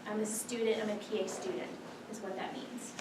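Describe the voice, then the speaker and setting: A woman with a mid-range voice and little pitch movement teaches fairly quickly, a physician assistant giving a casual lesson packed with filler words and "like"s. The mic is distant, in an echoey room with background noise.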